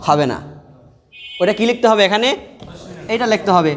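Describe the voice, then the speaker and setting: Man, very high voice, teacher who quizzes the class and drills letters, long hall reverb. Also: lively intonation, normal speed. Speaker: Quran teacher and mosque preacher. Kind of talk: classroom lesson. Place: classroom with students present.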